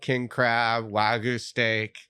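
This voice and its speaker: A man's voice: medium pitch, level tone, slow, pushed and bright, smooth, dry recording. A man in his thirties co-hosting a podcast in easygoing casual chat, often answering with short agreeing replies. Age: 30s. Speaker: podcast co-host.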